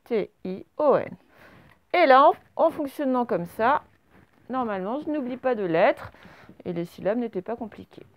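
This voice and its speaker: A woman's voice: a little high, animated, moderate pace, lo-fi sound. A woman teaching a children's dictation, stretching each word and spelling it out syllable by syllable. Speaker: primary school teacher.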